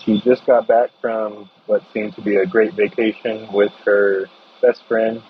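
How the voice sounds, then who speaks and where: A man's voice: fairly low pitch, level tone, unhurried. A young man leaving a voicemail message as a caller, speaking earnestly and a little hesitantly. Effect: played voicemail message. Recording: dull lo-fi voicemail with faint noise.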